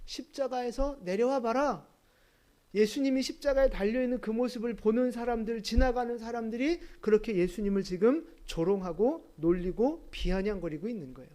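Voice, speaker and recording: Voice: medium pitch, a little fast, few pauses, dark tone. A pastor preaching a sermon at a church service. The pastor walks through scripture by asking questions and answering them, and builds to emphatic, insistent points.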